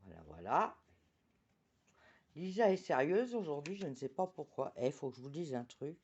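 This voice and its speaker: A chatty woman presenting oracle cards on her channel, talking about herself in the third person and reading each card's message slowly. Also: sits low, very animated, darkish tone, husky, muffled recording. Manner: reads card messages slowly.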